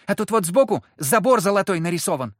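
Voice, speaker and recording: A man's voice: sits high, expressive, a bit bright, no room sound, clean studio sound, pitched above the performer's own voice. A man putting on a cheeky young street girl. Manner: quick, pert village speech.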